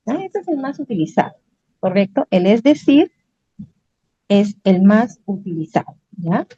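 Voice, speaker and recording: A woman's voice: medium pitch, sing-song, measured pace, mellow, husky, no room sound, muffled recording. A woman with a Peruvian Spanish accent teaching an academic writing lesson, patiently explaining and checking understanding with short tag questions. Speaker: lecturer.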